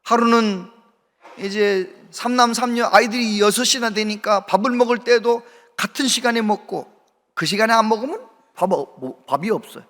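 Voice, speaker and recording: High-voiced pastor preaching in a reverberant church. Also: male voice, normal speed, fairly bright tone. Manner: storytelling, acting out quoted voices. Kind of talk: sermon. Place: church sanctuary. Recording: long hall reverb from the church. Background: hall reverb.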